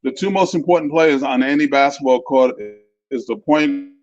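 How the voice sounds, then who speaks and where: A man's voice: mid-range voice, normal speed, darkish tone, no echo. A man in his fifties, a former basketball player turned coach, chatting as a guest over a video call with a spotty connection. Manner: easygoing, rambling storyteller. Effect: heard over a video call with a spotty connection. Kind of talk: casual interview chat. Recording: dull lo-fi video call audio, dry.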